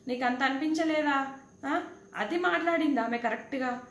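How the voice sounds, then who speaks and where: A woman reviewing a reality show in casual, animated talk, addressing the contestants directly. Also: high-pitched, moderate pace. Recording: echoey room with faint background noise.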